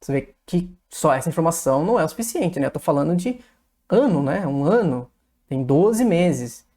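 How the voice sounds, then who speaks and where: A woman's voice: sits low, expressive, normal speed, mellow. A woman with a Brazilian accent, explaining English grammar step by step in a video lesson, with frequent tag questions. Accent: Brazilian Portuguese. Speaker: English teacher.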